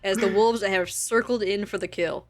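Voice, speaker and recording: Woman game master running a tabletop session, casual and laughy, soft music under it. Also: mid-range voice, steady tone, normal speed. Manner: casual, laughs between rules calls.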